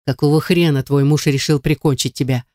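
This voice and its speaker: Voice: mid-range voice, steady tone, a little fast, darkish tone, dry recording, clean studio sound, close to an everyday voice. A reader doing a snarling, menacing young man. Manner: hissing through teeth, aggressive.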